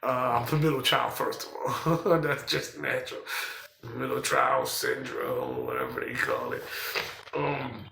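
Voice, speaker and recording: A man from tells his own life story, halting and profane, with many fillers. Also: mid-range voice, expressive, vocal fry, pushed and bright, reverberant, slight background noise, poor audio. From Philadelphia, US. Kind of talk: personal storytelling.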